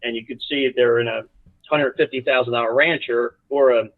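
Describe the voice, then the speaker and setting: A man from South Jersey, a college soccer coach, telling lively stories as a guest with lots of restarts. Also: mid-range voice, brisk, no echo. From South Jersey, USA. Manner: animated, rambling anecdotes with many restarts. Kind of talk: casual storytelling interview. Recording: dry, tinny phone-like line.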